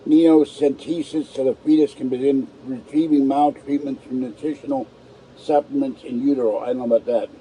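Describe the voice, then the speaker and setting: Poor audio with slight background noise captures a man hosting a casual live stream, reading aloud and commenting bluntly. He speaks a little fast, with a mellow, medium-pitched voice and fairly even intonation. Lacking upper teeth, he has a natural lisp, his tongue hitting the roof of his mouth.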